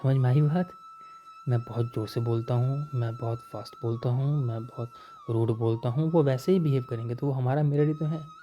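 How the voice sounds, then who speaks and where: A man teaching a motivational self-help lesson, reading English lines slowly and explaining them in quicker Hindi, often repeating key points. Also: mid-range voice, wildly swooping pitch, lo-fi sound, soft background music.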